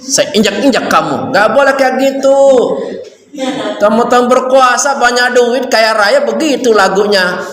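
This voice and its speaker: A man giving an animated religious talk to students, going from loud urging to hushed warnings. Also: very high voice, a little slow, a crowd in the background. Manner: animated, swings from loud to hushed, calls listeners nak. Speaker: religious teacher at a school orientation. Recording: echoey hall with faint ambience.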